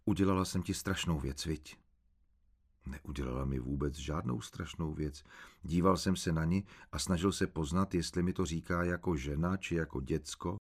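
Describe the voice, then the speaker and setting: Low-voiced calm male narrator. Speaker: audiobook narrator. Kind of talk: first-person literary narration.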